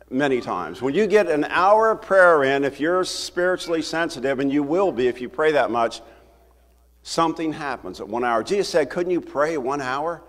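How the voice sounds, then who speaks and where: An older man preaching a sermon from a church pulpit, talking to the congregation in a conversational, animated way. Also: on the high side. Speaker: pastor. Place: church sanctuary, at a wooden pulpit. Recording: roomy hall reverb from the sanctuary.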